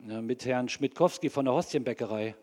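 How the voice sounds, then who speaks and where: An actor playing an anxious, earnest bank clerk who rambles hesitantly as a polite caller in a comedy sketch. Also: male voice, medium pitch, brisk, a little mellow, long reverb tail, close to an everyday voice.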